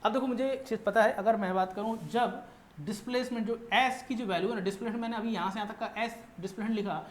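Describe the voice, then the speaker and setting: A man's voice: sits high, fast. Male physics teacher, patient lecturing, repeats every step and answers his own questions; roomy echo, faint hiss behind. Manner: asks questions and answers them himself; tags nearly every line with "ठीक है ना". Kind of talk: classroom lecture mixing Hindi and English. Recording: echoey room with faint background noise.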